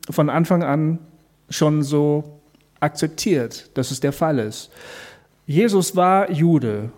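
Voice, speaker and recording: Guy doing a calm faith talk, kinda high voice but warm and soft, talks right to you, lots of questions. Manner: explains calmly, speaks directly to the listener; asks rhetorical questions.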